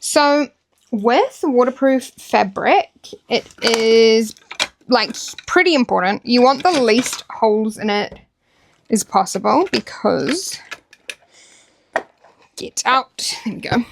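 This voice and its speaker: A young woman with a New Zealand accent chats away while she sews in a home workroom, teasing herself and laughing easily. Her speech is slow and unhurried, sitting a little high with a gravelly fry running through it. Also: animated, noisy background. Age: young adult. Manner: chatty, self-mocking, laughs easily. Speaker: craft vlogger. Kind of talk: casual talk while sewing.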